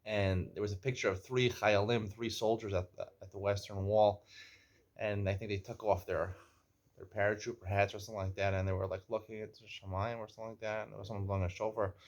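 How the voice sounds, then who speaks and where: With a fairly low, flat-pitched voice and a fast delivery, a forties-aged man in Israel hosts a relaxed chat show, teasing his guest and spinning stories and jokes. The recording's highs are cut off.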